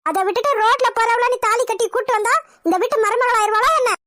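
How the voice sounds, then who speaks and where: A woman's voice: very high-pitched, fairly even intonation, quick pace, fairly bright tone, a little hiss or hum. A woman voicing a proud, domineering middle-aged mother in a cartoon, ranting scornfully. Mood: haughty. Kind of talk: cartoon voice acting.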